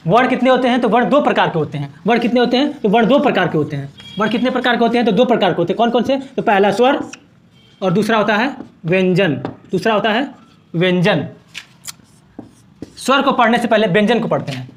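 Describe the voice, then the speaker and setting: A man's voice: high voice, animated, quick pace. A man teaching a grammar lesson at a board, asking questions and answering them himself and repeating each definition.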